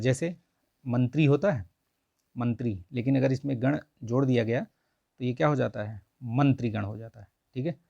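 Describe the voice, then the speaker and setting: A man's voice: mid-range voice, vocal fry, dark tone, dry recording, muffled recording. A man teaching an online Hindi grammar lesson for an exam, explaining patiently and saying "theek hai" again and again. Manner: repeats "theek hai" constantly, coaxing and explanatory.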